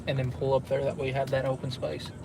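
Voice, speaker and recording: A man of middling pitch chats casually with the people around him. His delivery is extremely flat, and loud vehicle noise crowds the recording. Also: quick pace, creaky. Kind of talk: casual off-hand chat with companions.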